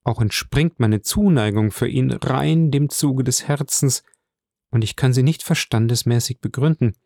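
A man's voice: mid-range voice, unhurried, gravelly, dark tone, no echo, studio quality. A man reading an earnest young lover. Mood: reflective. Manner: earnest, reflective.

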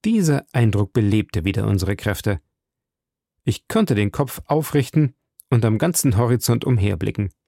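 A man giving scripted audiobook narration in a measured, dramatic first-person manner. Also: on the low side, big pitch swings, gravelly, dark tone, no room sound, clean studio sound.

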